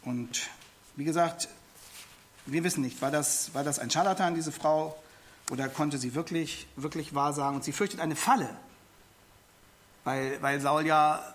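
Male preacher, voice a bit high, teaching style, repeats words for emphasis. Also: steady tone, unhurried, pauses often, fairly bright tone. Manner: expository Bible teaching, addresses listeners directly. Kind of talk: sermon.

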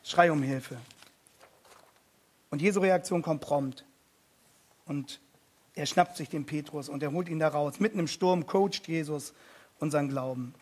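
A man preaching a sermon, emphatic and repeating key phrases, swinging between hushed passages and loud appeals. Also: a little high, normal speed.

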